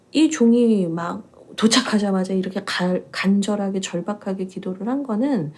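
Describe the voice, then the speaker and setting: A woman's voice: medium pitch, a little mellow, breathy edge. A woman pastor giving a chatty, playful Bible teaching talk, asking her listeners questions along the way.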